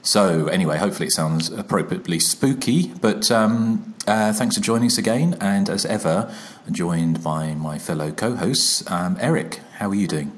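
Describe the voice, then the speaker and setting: A man's voice: deep voice, moderate pace, few pauses. A man hosting a casual podcast, recorded in an empty, slightly echoey room. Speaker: podcast host. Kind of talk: casual podcast introduction and chat. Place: empty room at home, indoors. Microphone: microphone with a laptop.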